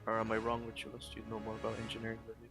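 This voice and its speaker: A man's voice: fairly low pitch, completely flat delivery, rapid-fire. A man chatting casually as a player in a tabletop role-playing game. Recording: clear music behind the voice.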